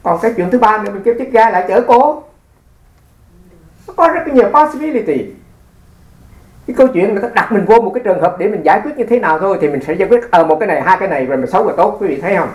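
A man's voice: high-pitched, lively intonation, racing. A man, a Buddhist monk giving a dharma talk and answering questions. He explains with rhetorical asides and drops in English words. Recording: echoey room recording.

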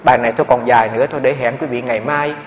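A man's voice: medium pitch, steady tone, very fast, a little hiss or hum. A Buddhist monk gives a dharma talk full of stories, and he speaks to his listeners directly and with animation. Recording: dull, echoey hall.

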